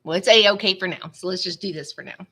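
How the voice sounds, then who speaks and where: With a drawl and a stuffy, congested nose, a woman hosting a live stream rambles in a friendly, chatty way, calling her viewers "y'all" often. Her voice is on the low side, quick, husky, yet bright and forward and a bit nasal, picked up by a small webcam on her home computer.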